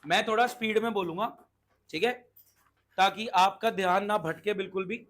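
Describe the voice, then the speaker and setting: During a commerce lecture, a high-pitched man with a fairly bright tone explains the material while briskly scolding his class and firing questions at the students.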